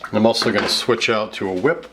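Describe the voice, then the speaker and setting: Speaking fast in a voice on the low side, an American man in his fifties hosts a casual cooking show from his home kitchen. He narrates every step of the recipe in an explanatory, conversational manner, while kitchen clatter and background noise are clearly heard.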